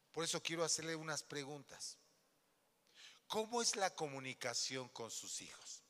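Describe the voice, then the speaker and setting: A man's voice: a little high, fairly bright tone. A man pastor preaching a sermon in a church, throwing questions at the congregation and acting out little scenes. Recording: long hall reverb.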